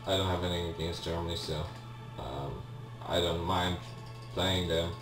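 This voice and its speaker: With music playing in the background, a young man gives casual commentary on a game, his Polish accent reflecting his native language. He speaks at a normal speed in a low, flat voice, sounding hesitant and apologetic with many ums and restarts. The audio has echo, a faint hum and a distant-mic quality.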